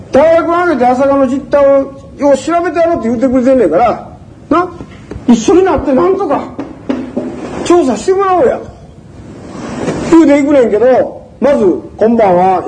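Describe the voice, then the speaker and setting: Older man, Kansai accent, animated storyteller, swooping pitch, faint background noise. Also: rough recording. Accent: Kansai (Osaka). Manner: animated, acts out voices in quoted dialogue. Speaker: speaker recounting community organizing. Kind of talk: conversational storytelling lecture.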